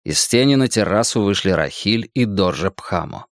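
A man's voice: on the low side, animated, moderate pace, no echo, studio quality. A man reading dramatic first-person audiobook narration.

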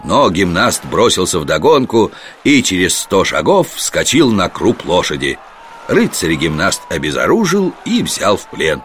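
A man narrating a children's storybook in an expressive, lively storytelling voice. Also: low voice, unhurried, slight background noise.

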